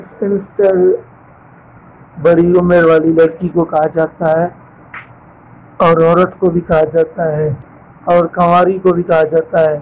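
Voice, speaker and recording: Slow, flat-voiced man teaching vocabulary. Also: on the high side, dull audio, a little hiss or hum. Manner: lists word pairs with translations, slow and deliberate. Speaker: English teacher.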